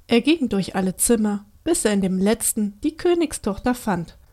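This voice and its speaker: A woman narrating a bedtime fairy tale for children in a calm, measured storytelling manner. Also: medium pitch, faint music behind.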